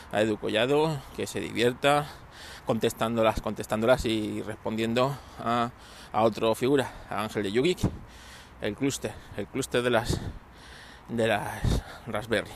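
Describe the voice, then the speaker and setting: A man rambles and jokes as he hosts a casual podcast, stopping and restarting his sentences. His pitch sits in a middle range. He is recorded outdoors, with faint street noise in the background. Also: steady tone, normal speed, creaky. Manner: joking, rambling, many restarts. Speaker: podcast host.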